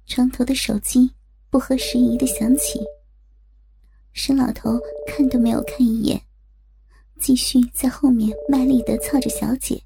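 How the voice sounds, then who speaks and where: A woman reading scripted story narration in a soft, breathy, creaky voice. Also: sits high, steady tone, measured pace, background noise.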